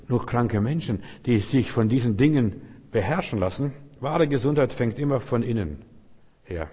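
A man's voice: mid-range voice, dark tone, slightly rough. An older man preaching a sermon as a pastor, emphatic and repetitive, speaking straight to each listener. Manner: emphatic, repeats key phrases, addresses listener directly. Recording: long hall reverb.

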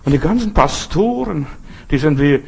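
A man's voice: fairly high pitch, expressive, moderate pace, gravelly, slightly rough. An older man, a pastor, preaching an earnest sermon and telling stories with acted-out quotes.

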